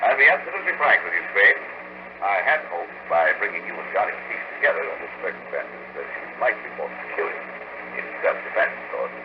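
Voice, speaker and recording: A deep suave gangster boss on an old wire recording. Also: male voice, very animated, fairly quick, dull audio. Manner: suave and threatening. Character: smooth menacing male gangster boss. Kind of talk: 1940s radio drama acting. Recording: hissy 1940s wire recording.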